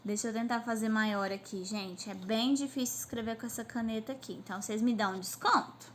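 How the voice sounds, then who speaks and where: A woman teacher gives a recorded class lesson to children, sounding out words slowly syllable by syllable, recorded on a phone on a stand. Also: a little high, slight background noise. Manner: slow syllable-by-syllable drilling.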